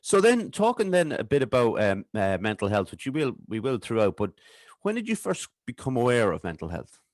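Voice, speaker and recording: A man's voice: medium pitch, wildly swooping pitch, brisk, dry recording, clean studio sound. An Irish man hosting a podcast in a casual, rambling way, often restarting his sentences. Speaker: podcast host.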